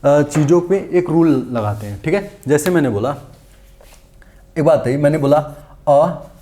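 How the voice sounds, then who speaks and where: A man's voice: on the high side, lively intonation, measured pace, warm tone. A male teacher giving an exam-prep English grammar lesson, repeating points and asking and answering his own questions. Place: classroom-style video lesson.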